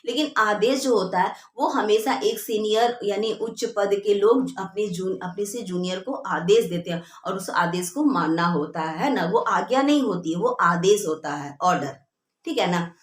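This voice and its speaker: A woman's voice: mid-range voice, normal speed, echoey room. A woman teacher explaining a lesson patiently, repeating key words and checking in with her students often. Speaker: Hindi teacher.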